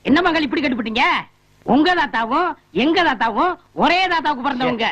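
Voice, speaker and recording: Brief: fast-talking, fawning relative angling for a marriage match. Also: male voice, very high voice, animated, a bit bright, lo-fi sound, full character voice. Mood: coaxing. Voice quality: pleading, ingratiating. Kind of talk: film comedy dialogue.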